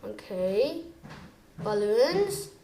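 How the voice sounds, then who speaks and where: A woman giving chatty, excitable commentary while playing a video game, switching between low muttering and sudden exclamations. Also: extremely slow, roomy sound, slight background noise. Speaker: gamer. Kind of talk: gameplay commentary.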